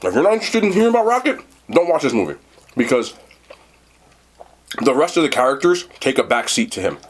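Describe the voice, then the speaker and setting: Casual slangy man with lively, swinging pitch. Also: fairly quick. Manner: slangy, rambling, blunt, swears casually. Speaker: food and movie reviewer. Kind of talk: casual unscripted review chat.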